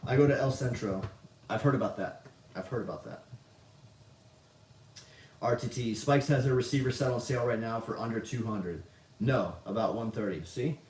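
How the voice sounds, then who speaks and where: A man's voice: medium pitch, normal speed, pauses often, darkish tone. A man hosting a casual livestream, answering chat questions in a rambling, profane, self-mocking way. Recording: roomy, distant mic, faint noise.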